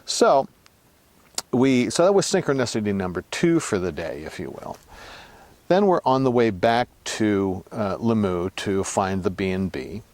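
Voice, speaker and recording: A man recounts a trip in a relaxed, anecdotal way, his voice sitting on the lower side. He stumbles through fillers and restarts, then brightens and rises at the surprising turns. The sound is close and dry, with no room behind it. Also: no echo. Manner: halting, many fillers and restarts, animated when excited. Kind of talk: casual anecdotal storytelling.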